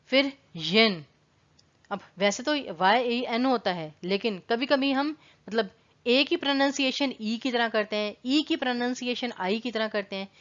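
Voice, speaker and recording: A woman's voice: fairly high pitch, muffled recording. A woman teaching an online exam-prep lesson, explaining patiently and repeating words to contrast their pronunciation. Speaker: Hindi teacher.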